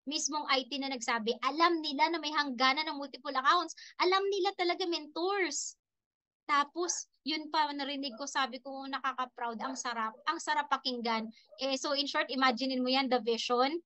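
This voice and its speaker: A middle-aged woman giving an animated motivational testimony to fellow network marketers, switching freely between Tagalog and English. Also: high voice, no echo.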